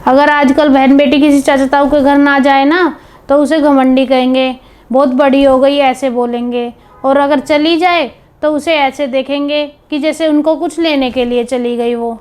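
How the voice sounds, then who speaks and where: A woman's voice: sits high, steady tone, moderate pace, natural voice. A woman playing a wise, motherly mother-in-law. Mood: consoling. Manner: gentle, advising, motherly. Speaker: mother-in-law in a family drama. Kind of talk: scripted home video family drama. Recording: background music under dialogue.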